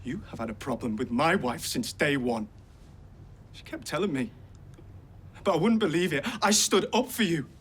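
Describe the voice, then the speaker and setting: Soap role, male actor: scornful young dad, slightly raised pitch, building into an angry rant. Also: lively intonation, normal speed, long pauses, slight background noise, close to an everyday voice. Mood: bitter, angry. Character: indignant young father defending his wife against his mother. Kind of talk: naturalistic TV soap acting.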